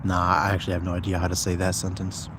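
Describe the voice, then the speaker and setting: Speaking fast in a low, monotone voice over background noise, this young Somali-speaking man talks informally on his livestream in a second language. He uses slang and thinks out loud while answering viewers as a YouTuber.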